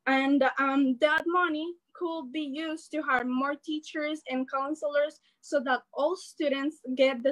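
High-voiced teenage girl, earnest speech. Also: rough recording. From El Salvador. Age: teens. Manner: earnest, animated, gestures while speaking. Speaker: student organizer giving a rally speech. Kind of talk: prepared speech. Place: bedroom at home. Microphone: laptop webcam on a video call.

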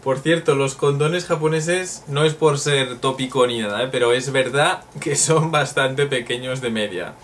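A man from Spain teaching a casual online Japanese lesson, joking and chatty, often adding quick tag questions. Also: mid-range voice, fairly bright tone. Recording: voice a bit far from the mic, faint room noise.

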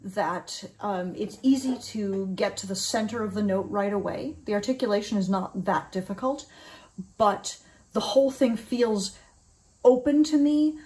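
A woman's voice: medium pitch, measured pace, warm tone. A woman in her forties teaching oboe reed making in a thoughtful, explanatory way with frequent ums, recorded in a small room at home. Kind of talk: instructional video.

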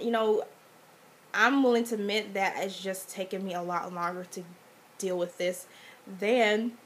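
A young woman with a sick, stuffy-nosed voice gives casual advice to camera in a vlog. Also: medium pitch. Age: young adult. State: sick with a cold, congested stuffy-nose voice. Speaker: vlogger. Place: small indoor room. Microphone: webcam or laptop mic at arm's length. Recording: webcam audio with faint background noise.

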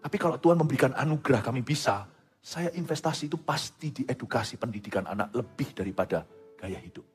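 A man's voice: medium pitch, expressive, fast talker. A middle-aged man, preaching a sermon in a conversational way, often checking whether the congregation follows him and slipping in English phrases. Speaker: pastor. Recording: echoey hall with faint music.

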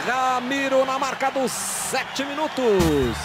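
A man giving explosive football goal commentary with excited, shouted calls. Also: extremely high pitch, takes it slowly. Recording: very noisy stadium broadcast. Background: loud noise.

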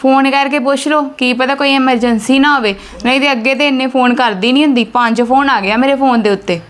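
A woman playing a hurried young college student who keeps insisting her mother call someone back, in a family drama. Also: high-pitched, fairly even intonation, natural voice. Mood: insistent. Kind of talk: amateur family drama acting.

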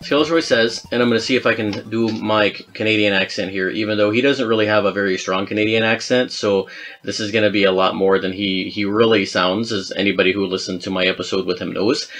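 A man with a fairly low voice hosts a podcast about video game music. He talks casually, mocks himself and laughs often. Faint music plays underneath. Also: fairly even intonation, fairly quick, a bit bright. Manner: chatty and self-mocking, laughs often, hums melodies. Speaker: podcast host.

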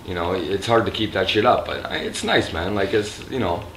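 Tipsy raspy-voiced man rambling in a room. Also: low-pitched, normal speed, a bit bright, a little hiss or hum. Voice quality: raspy throat. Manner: rambling, profane, loose. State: a little drunk. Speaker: vlogger. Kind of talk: casual vlog monologue. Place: resort hotel room. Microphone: handheld camera. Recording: echoey room with faint ambience.

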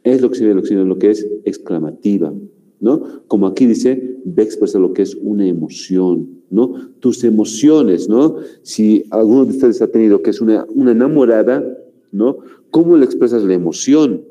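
A man from Bolivia teaching a grammar class, speaking slowly and repeating himself, forever checking in with "¿no?" and "muy bien". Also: lowish voice, lively intonation, dark tone, poor audio. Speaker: language teacher.

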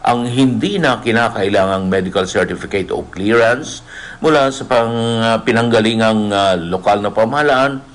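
A middle-aged Filipino man with a fairly low voice delivers a radio news report. He reads from a script in a halting way, with frequent hesitations.

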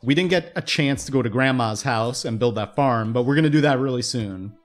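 This is a young man talking through a video game, casual and upbeat, often stopping to correct himself mid-sentence. His voice is slightly hoarse, as if he's losing it. Soft game music plays quietly beneath him. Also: mid-range voice, fairly quick. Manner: rambling, self-interrupting, upbeat. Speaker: gaming YouTuber. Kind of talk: casual let's-play commentary. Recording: faint game music behind.

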